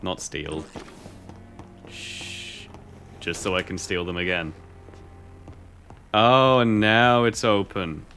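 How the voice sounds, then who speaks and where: A man's voice: lowish voice, slow, pauses often, pushed and bright, faint music behind. A young man casually commenting while he plays a game on stream, wry and rambling, often muttering to himself. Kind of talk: casual let's-play commentary.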